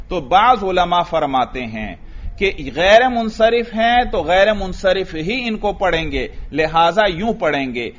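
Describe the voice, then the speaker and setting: A man with a Pakistani Urdu accent giving a classroom lecture on Arabic grammar. He asks his students questions and answers them himself, calls them "bhai", and recites Arabic text slowly in a chanting tone. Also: a little high, dull audio. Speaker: Islamic grammar teacher.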